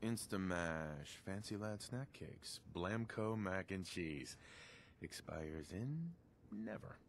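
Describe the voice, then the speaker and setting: A man playing a young husband and father with relaxed, wry domestic asides. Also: deep voice, slow, vocal fry, slight background noise, exaggerated voice.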